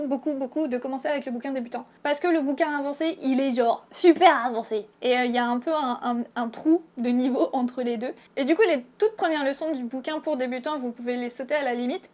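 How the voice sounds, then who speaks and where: A young French woman with a French accent, explaining language learning in a casual, frank video lesson full of fillers. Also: high-pitched. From France. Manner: chatty, frank, lots of fillers. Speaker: Japanese teacher and YouTuber.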